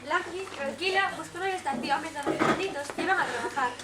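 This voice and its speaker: A woman's voice: very high-pitched, quick pace, heavy background noise. A young woman narrating a scripted fairy tale for a school stage play. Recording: echoey stage, far mic, loud audience.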